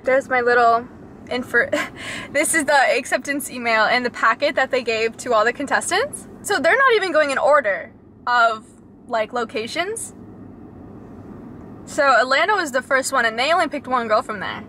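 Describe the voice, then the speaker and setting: A young woman reacting to a talent show from inside a parked car, chatting casually in a bubbly, excitable way. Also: high voice, normal speed, slight background noise. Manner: bubbly, excitable, with sudden squeals and laughs. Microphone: camera mounted facing her.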